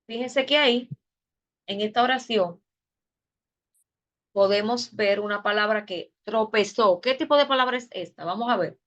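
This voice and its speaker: A woman's voice: medium pitch, normal speed, pauses often, fairly bright tone, muffled recording. A woman teacher giving an online class lecture, explaining step by step with fillers and self-corrections. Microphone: video call.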